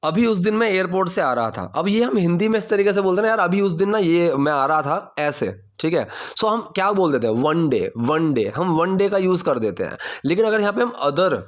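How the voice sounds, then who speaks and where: A man with an Indian accent explaining English in a casual lesson, saying example sentences slowly and checking in with his listeners often. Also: high-pitched, sing-song. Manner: slow, careful model phrases; checks in often with "theek hai?". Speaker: English teacher.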